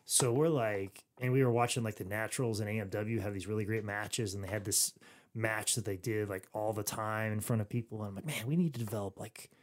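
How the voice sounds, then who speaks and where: A man's voice: lowish voice, fairly even intonation, brisk. A man hosting a podcast, talking casually and rambling through stories with many restarts and fillers. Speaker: podcast host. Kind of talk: casual chat.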